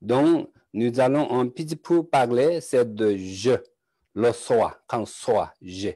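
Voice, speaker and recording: A man with a Tibetan accent gives a calm Buddhist teaching at an unhurried pace, piecing his words together in short, halting phrases. His voice is mid-pitched and recorded close and dry, with no room sound around it. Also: husky, dry recording. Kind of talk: slow teaching talk in broken French.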